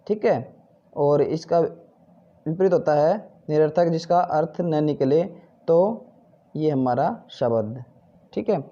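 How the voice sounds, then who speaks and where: With a mellow, fairly high voice on a lo-fi recording, a male Hindi teacher patiently works through textbook exercises. He poses questions and answers them himself, repeatedly saying "ठीक है" and "भाई".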